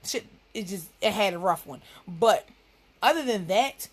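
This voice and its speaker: A woman's voice: medium pitch, animated, unhurried. A woman, hosting a live talk show in a blunt, profane, emphatic monologue. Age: 30s.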